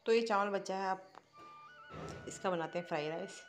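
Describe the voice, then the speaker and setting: A woman's voice: mid-range voice, normal speed, music in the background. A woman in her thirties with an Uttarakhand Hindi accent, casually narrating a village vlog as she explains farm work step by step. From India. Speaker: vlogger. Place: outdoors by rice fields and farmyard, then home kitchen. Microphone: phone camera, often held at arm's length.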